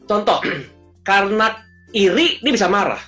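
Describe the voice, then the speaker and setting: A coach, telling stories in an animated way in casual chat and slipping in English phrases. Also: mid-range voice, unhurried, soft background music. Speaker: emotional intelligence coach.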